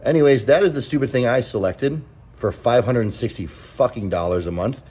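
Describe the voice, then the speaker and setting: A man's voice: medium pitch, a little fast, darkish tone, slightly rough, low-quality recording. A young man talking in a casual vlog, blunt and exasperated, swearing freely as he rants. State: out of breath. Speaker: vlogger.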